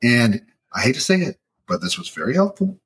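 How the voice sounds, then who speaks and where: A man's voice: medium pitch, a little fast. A man co-hosting a podcast in casual chat, telling work stories and acting out the dialogue. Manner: animated storyteller, acts out quoted dialogue. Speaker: podcast co-host.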